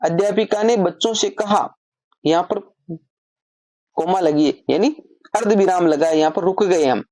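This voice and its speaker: A woman's voice: lowish voice, normal speed, long pauses, warm tone, no room sound. Patient woman teacher explaining grammar. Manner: repeats points as questions and answers them herself. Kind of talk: explanatory lesson.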